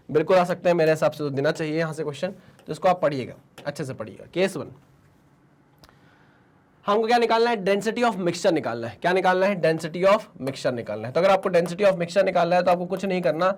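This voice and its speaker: Male physics tutor, slightly higher voice, hoarse today, Indian-accented English, call-and-response drilling. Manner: Hinglish call-and-response teaching, answers his own questions. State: sore throat. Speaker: physics teacher. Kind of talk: online exam-prep lecture.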